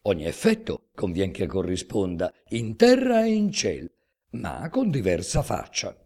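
A man voicing an aged holy man who calmly explains heaven's mysteries in recited epic verse, with a measured, solemn delivery. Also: fairly low pitch, heavily acted.

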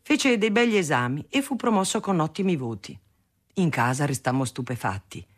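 A reader narrating a family memoir aloud in a measured storytelling manner. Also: mid-range voice, big pitch swings. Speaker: audiobook reader. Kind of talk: reading a memoir novel aloud.

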